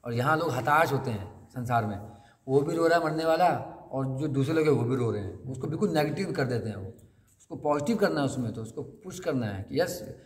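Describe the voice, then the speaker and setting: A man's voice: medium pitch, expressive, fairly quick. A man giving a conversational sermon at a scripture class, asking his listeners questions and acting out the lines he quotes. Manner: conversational, asks the audience questions and acts out quotes. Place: temple hall. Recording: long hall reverb, faint noise.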